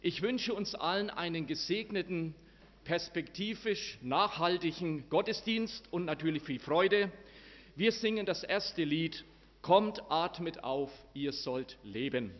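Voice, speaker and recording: A man leading a church service and giving its announcements in a measured way, with halting fillers and restarts. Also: fairly high pitch, expressive. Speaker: worship leader. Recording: echoey church hall, dull lo-fi, faint music.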